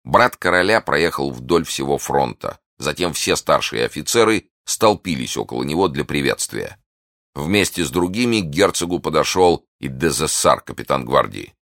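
Very deep-voiced male audiobook narrator. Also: expressive, fairly bright tone, no room sound, clean studio sound. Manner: measured storytelling reading. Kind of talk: scripted narration of a classic adventure novel.

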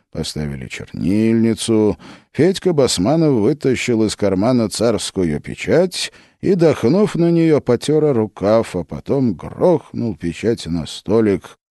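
A male audiobook narrator with a fairly low voice that rises and falls with lively expression. He reads dramatically and acts out many figures. The recording is close and dry. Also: no echo.

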